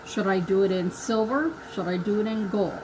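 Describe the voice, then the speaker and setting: A woman's voice: mid-range voice, moderate pace, background noise. A middle-aged woman hosting a live craft stream, chatting casually with viewers and talking to herself as she paints. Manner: chatty, talks to herself and to viewers, laughs at her own slips.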